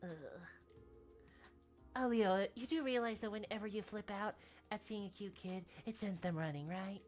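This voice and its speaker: A woman's voice: medium pitch, moderate pace, darkish tone, voice pushed up, close to an everyday voice. Lady voicing a fed-up level-headed game girl, dry and formal, bit of music behind. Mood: exasperated. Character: dry, exasperated level-headed woman companion. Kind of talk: video game dialogue read aloud by a streamer.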